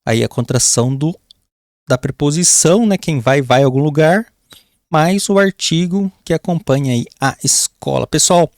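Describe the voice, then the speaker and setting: A man's voice: a little high, dry recording. Brazilian male grammar teacher, dry sound. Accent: Brazilian Portuguese. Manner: keeps calling the class "pessoal", stretches key words slowly; writes on a board while explaining. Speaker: Portuguese teacher. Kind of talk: exam-prep grammar lesson.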